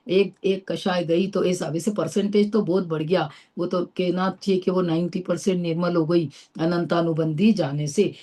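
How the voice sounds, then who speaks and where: A woman's voice: on the low side, warm tone. A middle-aged woman from India teaching a philosophy class, explaining step by step and checking often that her listeners follow. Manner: explains patiently with rhetorical checks.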